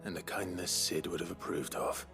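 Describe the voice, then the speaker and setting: An actor playing a stoic young male warrior who speaks in a low, restrained way in a game scene. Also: fairly even intonation, normal speed, vocal fry. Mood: earnest. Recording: game audio with music behind.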